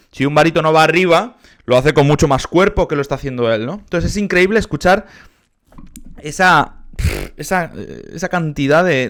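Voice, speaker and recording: A man from with a somewhat high-pitched speaking voice talks through a piece of music in a relaxed reaction commentary. He explains patiently and thoughtfully, pausing to reflect as he goes. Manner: thoughtful, explains patiently, sometimes sings syllables to demonstrate. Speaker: music reaction host, choir and orchestra conductor.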